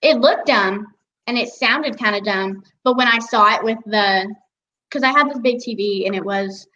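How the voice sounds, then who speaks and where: A woman's voice: medium pitch, moderate pace, sharp tone, muffled recording, slight background noise. A teenage girl chatting as an interview guest about her voice-acting work, giggly and full of "like" fillers. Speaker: guest, young voice actress. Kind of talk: casual interview chat.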